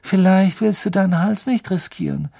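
Brief: a man playing a sneering teen bully, sly and needling, raised pitch, gravelly. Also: steady tone, normal speed, dark tone. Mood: taunting. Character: spiteful scheming schoolboy, thin-lipped bully.

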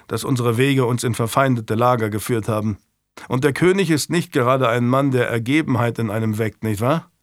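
A man's voice: medium pitch, no room sound, clean studio sound, lightly acted. A man voicing a weary, frank adult knight in an audiobook, speaking wryly and candidly. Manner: wry, candid.

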